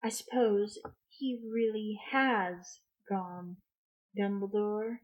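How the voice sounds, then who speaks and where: A woman's voice: mid-range voice, slow, natural voice. A woman voicing a stern older female professor from a storybook, clipped, irritated and disapproving. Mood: cold. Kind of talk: amateur storybook character reading. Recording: muffled lo-fi audio.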